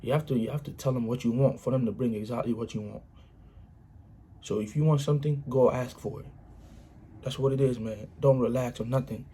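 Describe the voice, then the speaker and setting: A man talks through his personal philosophy in a loose, earnest monologue. He keeps circling back to the same points with informal grammar and restarts. His voice is mellow and dark, and faint ambience sits behind it. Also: mid-range voice, steady tone, brisk, a little hiss or hum. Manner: earnest, repetitive, punctuates with "you know what I'm saying". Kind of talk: casual motivational monologue.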